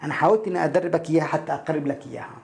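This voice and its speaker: A man teaching English pronunciation online, repeating phrases slowly and stressing each sound. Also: on the high side, vocal fry.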